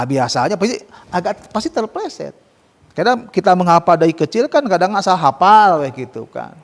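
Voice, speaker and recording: A man teaching Quran recitation rules to students, explaining casually and modelling slow, drawn-out recitation. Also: fairly high pitch, in a large hall. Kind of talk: tajwid lesson with students.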